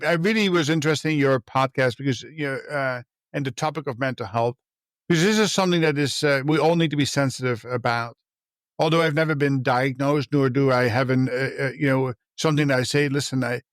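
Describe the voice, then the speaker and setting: A man's voice: mid-range voice, no echo. Earnest man, dry sound. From Netherlands. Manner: earnest and halting, with frequent restarts. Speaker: podcast guest, leadership coach and mentor. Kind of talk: reflective personal storytelling in a podcast interview.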